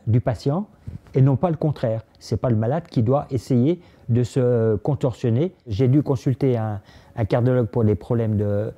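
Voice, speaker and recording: Halting man with a dark dull voice. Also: mid-range voice. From France. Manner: halting, many pauses and restarts. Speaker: interviewee. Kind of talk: personal testimony.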